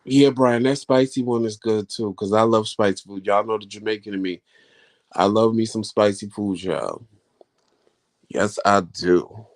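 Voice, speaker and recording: A man with a fairly low voice, steady in tone and a little slow, hosts a vlog live stream. He answers live chat and talks casually with viewers in a rambling, folksy way.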